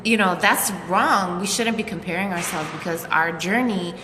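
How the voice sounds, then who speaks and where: Female co-host, chatty and casual, bright tone, roomy reverb. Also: on the low side, moderate pace, a little hiss or hum. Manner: chatty, animated, full of "like" and "you know". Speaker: co-host of a live chat. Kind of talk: casual chat.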